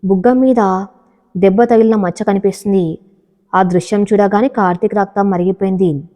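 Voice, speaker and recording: A woman narrates a dramatic story in a steady, measured reading voice. Her tone is dark and mellow. The recording carries a long, hall-like reverb. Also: medium pitch. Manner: steady dramatic reading, voicing every character herself.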